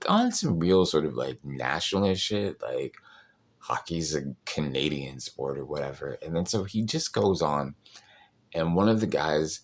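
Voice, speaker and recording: A man with a very low-pitched voice tells a restaurant story. He talks casually and animatedly, leaning on fillers like "like" and "um". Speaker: podcast host, restaurant server.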